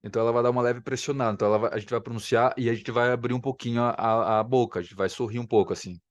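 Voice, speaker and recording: A man's voice: medium pitch, fairly even intonation, racing, no room sound, lo-fi sound. A man teaches a language lesson at home, patiently repeating words to demonstrate sounds. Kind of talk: explanatory video lesson. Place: home room, filming himself. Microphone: camera facing him.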